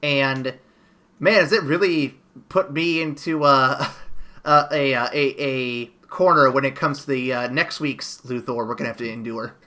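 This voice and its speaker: A man's voice: mid-range voice, steady tone, a little slow, pushed and bright. A man hosting a podcast, reviewing a movie in casual chat and rambling through restarts and fillers. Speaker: podcast host.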